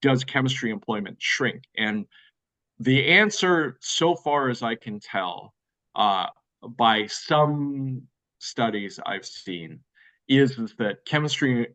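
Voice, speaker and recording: A man's voice: medium pitch, expressive, slow pace, sharp tone, poor audio. An American man answering interview questions at length, thoughtful and hedging, with many fillers and restarts. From United States. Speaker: guest expert.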